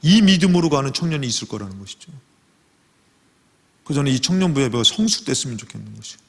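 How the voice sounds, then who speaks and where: Korean pastor preaching in an echoing hall. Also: male voice, medium pitch, quick pace, vocal fry. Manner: animated, acts out quoted prayers and speech. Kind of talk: sermon to a youth service. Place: church sanctuary. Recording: long reverb of a church hall.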